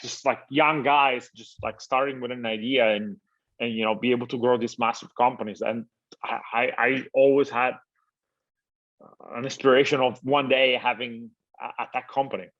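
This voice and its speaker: A man's voice: medium pitch, fairly even intonation, normal speed, a bit bright. A man from Italy, a business founder, talks through his answers in a casual interview, stopping often, piling up fillers and repeating words as he thinks aloud. His voice sits in an ordinary middle range. The audio is a bit dull and lo-fi.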